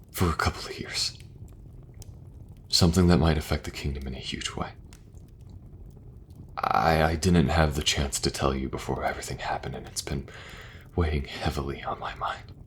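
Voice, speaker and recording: A man voicing King Edmund, very deep and earnest. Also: fairly even intonation, a little hiss or hum. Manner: earnest, halting, soft-spoken. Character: earnest young king, burdened but kind. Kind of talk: fantasy audio roleplay.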